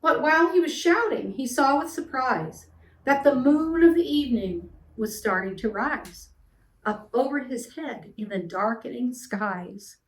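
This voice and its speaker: A middle-aged woman reading a rhyming children's picture book aloud as an expressive storyteller. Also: sits high, measured pace. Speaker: storyteller, read-aloud host. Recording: echoey room, distant mic.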